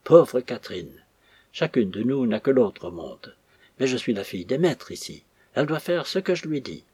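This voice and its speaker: A man reading the lines of a secretive, wistful young woman in an audiobook, with a husky voice. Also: mid-range voice, big pitch swings, moderate pace, darkish tone, no echo. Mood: commanding.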